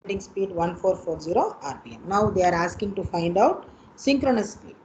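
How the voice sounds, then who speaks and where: A woman's voice: medium pitch, lively intonation, brisk, a little mellow. A woman with an Indian accent teaching an online engineering exam class, repeating points and checking in with students. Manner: repetitive, instructive, checking in with students. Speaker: engineering lecturer. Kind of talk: online exam coaching lesson. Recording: dull lo-fi online call with noise.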